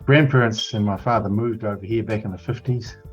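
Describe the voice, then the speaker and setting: A man's voice: fairly low pitch, brisk. A man in his sixties with a New Zealand accent, reminiscing in a rambling, matter-of-fact way as an interview guest. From South Auckland, New Zealand. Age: 60s. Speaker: guest, lawyer and community advocate. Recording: muffled, dull sound with music behind.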